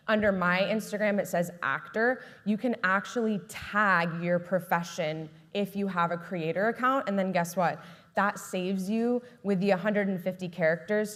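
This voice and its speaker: A young woman giving an upbeat, chatty talk at an expo, with many fillers. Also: fairly low pitch. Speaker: presenter. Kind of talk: conference talk. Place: large expo hall. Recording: long hall reverb.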